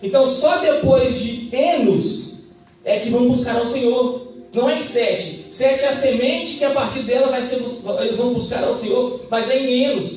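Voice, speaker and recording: A man's voice: very high-pitched, normal speed, a little mellow. A man with a Brazilian Portuguese accent preaching a fervent sermon and calling for amens from the congregation. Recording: echoey church hall, mic at a distance.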